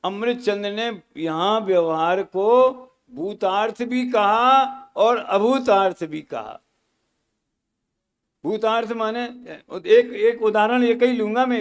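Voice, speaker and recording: High, smooth-voiced male scripture teacher. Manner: patient explaining with homely examples and acted-out quotes; measured, repeats key terms. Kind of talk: scriptural lecture at a study camp.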